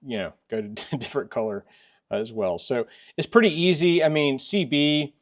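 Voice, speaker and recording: A middle-aged man hosts a product review channel, reviewing items casually indoors in a workshop. His mid-range voice moves at a normal speed, and he talks conversationally, often restating his points.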